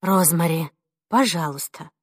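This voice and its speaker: A woman reading an audiobook, voicing a mild, conciliatory mother who speaks softly and placatingly. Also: fairly low pitch, lively intonation, normal speed, dry recording, studio quality. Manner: soft, placating, pleading.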